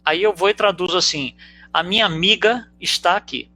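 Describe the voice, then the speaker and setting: A man's voice: high voice, moderate pace, pushed and bright. A man with a Brazilian Portuguese accent giving a conversational spiritist teaching talk, explaining through rhetorical questions and frequent tag questions. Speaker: spiritist lecturer.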